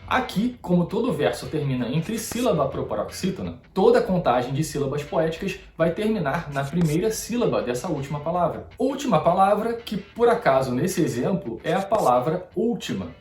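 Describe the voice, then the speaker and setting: A man's voice: fairly high pitch, big pitch swings, brisk, few pauses, a little mellow. A man hosting a music-analysis show, explaining verse and meter step by step in a didactic way. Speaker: host. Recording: roomy echo.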